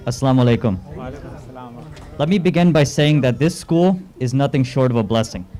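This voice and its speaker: A man's voice: mid-range voice, a little fast, dark tone. A young man, a student, giving a formal prepared thank-you speech and sometimes correcting himself as he goes.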